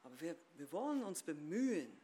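High-voiced man preaching with emphatic swings. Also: big pitch swings, a little fast, slightly rough. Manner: emphatic, swings between loud stress and low asides; addresses listeners directly. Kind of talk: sermon.

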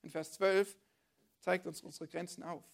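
A woman's voice: on the low side, fairly even intonation, moderate pace, vocal fry. Woman preaching in a chatty, questioning way. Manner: conversational, addresses listeners directly with rhetorical questions. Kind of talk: sermon.

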